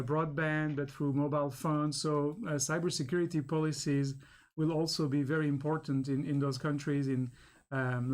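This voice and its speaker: A male researcher answering a panel question, measured, with many fillers. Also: a little high, darkish tone.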